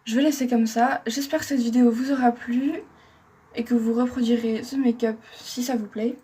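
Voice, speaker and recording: Husky-voiced young woman vlogger. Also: fairly high pitch, fairly even intonation, moderate pace, warm tone. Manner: chatty, self-deprecating, talks while working. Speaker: makeup vlogger. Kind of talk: casual makeup tutorial chat.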